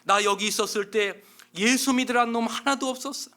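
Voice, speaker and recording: A male pastor voicing a condemned male murderer who preaches to fellow inmates in a rough, scolding way. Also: sits high, fairly quick. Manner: rough, scolding, shouting commands.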